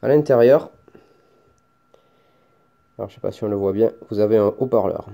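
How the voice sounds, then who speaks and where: A man's voice: on the low side, moderate pace, creaky, mellow. A man with a Toulouse accent casually showing and explaining a hobby item, hesitant with many fillers and restarts. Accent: Toulouse French. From France. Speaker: hobbyist showing his lightsaber. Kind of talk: casual show-and-tell.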